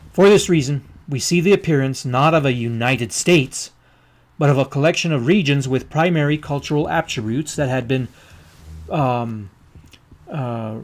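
A man giving a geography lecture over maps, speaking haltingly with many ums and uhs as he marks things with a pen. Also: mid-range voice.

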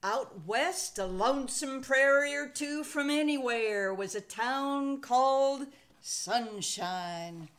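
A woman in her sixties from America reads a children's picture book aloud from a room at home, telling it in an expressive, folksy Western style. Her voice is high and her pace is slow.

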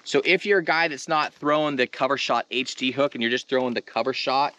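A man hosting a fishing tutorial channel talks straight to viewers, explaining gear and technique in an informal, conversational demonstration. His medium-pitched voice holds a steady tone and sounds pushed and bright, and he speaks briskly.

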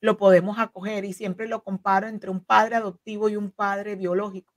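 A woman in her forties with a medium-pitched, level voice speaks at a moderate pace. She is an immigration legal counsel appearing as a guest, a native Spanish speaker, explaining things earnestly in an interview with plenty of fillers and restarts. The dry, studio-quality audio comes from a desk microphone on a video call from her home office.

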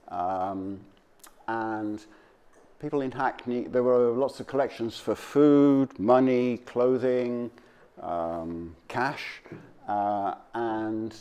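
This male presenter covers local history in a relaxed slide talk for an audience, his speech halting and off the cuff. He has a medium-pitched voice with a warm tone.

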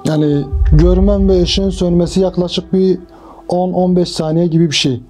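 Calm dark-voiced man recounting an ordeal. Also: high-pitched, soft background music. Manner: calm, reflective, measured retelling. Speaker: earthquake survivor. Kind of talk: personal testimony interview.

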